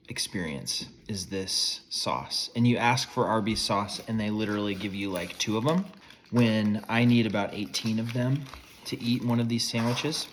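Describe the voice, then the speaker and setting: A man's voice: lowish voice, slight background noise. A man in his forties giving a casual food review, chewing as he talks between bites.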